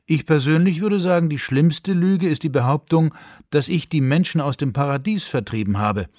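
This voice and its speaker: A man's voice: a little high, normal speed, darkish tone, dry recording, voice pushed up, natural voice. A man voicing God as a small green man who answers in a dry, offhand, grumbling way, read for radio. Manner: laconic, shrugging replies, grumbling. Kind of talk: story reading for radio.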